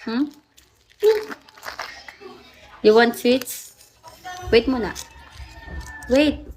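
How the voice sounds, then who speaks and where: A woman's voice: a little high, drawn-out words, a little mellow, soft background music. A woman livestreaming casually as a mother, chatting with viewers and cooing at her toddler in a sing-song voice. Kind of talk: casual live-stream chat.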